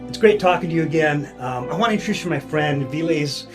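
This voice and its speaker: Quick, earnest male pastor. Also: fairly high pitch, lively intonation, soft background music. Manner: quick, earnest, with frequent restarts. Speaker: pastor interviewing a church member. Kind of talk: casual conversational interview.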